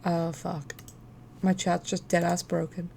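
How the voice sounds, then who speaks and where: A woman's voice: on the low side, flat delivery, a little slow, creaky, dark tone, slight background noise. A woman hosting a casual livestream, chatting in an informal, profane, talkative way. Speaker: live stream host.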